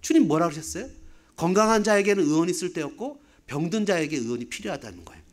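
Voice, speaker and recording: A man's voice: high voice, expressive, fast talker. A man in his fifties, a pastor, preaching a sermon with rhetorical questions and humorous asides. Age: 50s.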